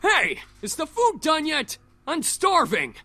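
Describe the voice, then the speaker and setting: A woman voicing a brash, teasing young man while reading a game aloud, in a low gruff voice. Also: wildly swooping pitch, slow pace, pushed and bright, exaggerated voice. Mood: loud.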